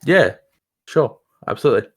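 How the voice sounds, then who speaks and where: A man's voice: mid-range voice, big pitch swings, normal speed, slightly rough. A man giving a casual, conversational recap as an interview guest. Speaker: championship-winning sim racer, interview guest.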